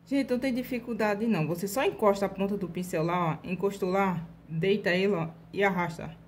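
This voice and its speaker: A woman's voice: medium pitch, slight background noise. A Brazilian woman hosting a casual nail art tutorial, chatty, checking in with her viewers constantly as she demonstrates brush strokes step by step. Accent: Brazilian Portuguese. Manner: slow, deliberate demonstration while painting.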